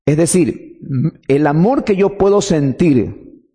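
A man's voice: fairly high pitch, animated, slow pace, dark tone, husky, in a large hall. A man preaching a teaching sermon, explaining step by step and answering his own questions.

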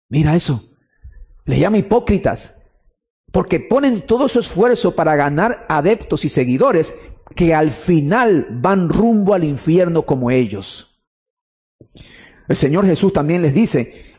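A man's voice: high-pitched, a little mellow, slightly rough. A man preaching a sermon with emphasis, repeating key phrases and putting questions to the listener.

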